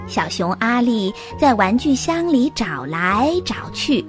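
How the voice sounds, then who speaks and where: Woman storyteller for children, unhurried and gentle, higher voice. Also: sing-song, faint music behind.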